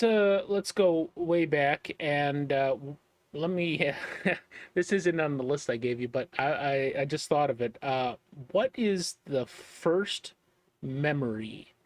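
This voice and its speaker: Relaxed interviewer with a dry sound. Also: medium pitch, dry recording. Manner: relaxed, hesitant, many fillers and restarts. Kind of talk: casual interview.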